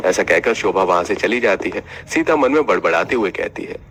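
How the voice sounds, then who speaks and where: A man narrating an animated family story in steady scripted storytelling. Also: low-pitched, fairly quick, vocal fry, slightly rough.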